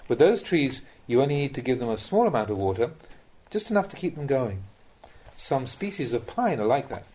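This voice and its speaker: Despite poor audio, you can hear a man with a mid-range, slightly husky, somewhat mellow voice reading a monk's Dhamma talk. His pitch swings widely, though his delivery stays measured and instructive, addressed to the listener.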